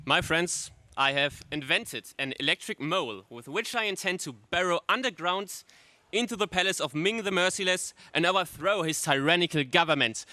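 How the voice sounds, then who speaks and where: A man's voice: high voice, moderate pace, sharp tone, no room sound. A man playing a proud, earnest rebel prince with formal, declamatory delivery in a space serial radio drama. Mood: noble resolve.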